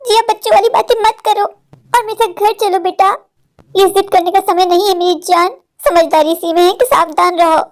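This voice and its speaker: Lady doing a clingy worried cartoon mom, super high voice, keeps saying my darling. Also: fairly even intonation, normal speed. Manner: doting, insistent, says "meri jaan". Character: anxious, possessive village mother. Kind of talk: Hindi cartoon voice acting.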